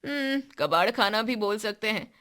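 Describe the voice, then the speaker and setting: Mocking show-off teen boy in a cartoon, voiced by a woman, loud. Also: mid-range voice, animated, moderate pace, smooth, close to an everyday voice. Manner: loud, teasing.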